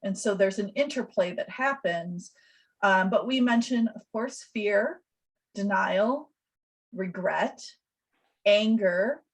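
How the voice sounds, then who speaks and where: A woman who works as a death doula, giving a gentle, reflective webinar presentation over a video call. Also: medium pitch, takes it slowly, poor audio.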